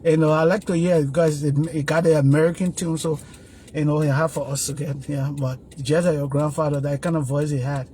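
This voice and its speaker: A man's voice: fairly high pitch, fairly even intonation, brisk, mellow, a little hiss or hum. An older man, talking earnestly and rambling in a casual phone vlog outside his church. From Liberia. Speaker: video blogger. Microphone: phone camera.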